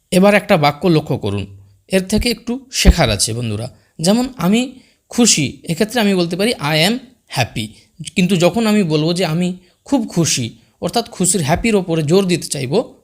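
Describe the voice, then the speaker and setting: A man teaching spoken English in Bengali, saying each English phrase slowly and repeating it. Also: sits high. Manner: says English phrases very slowly and twice over.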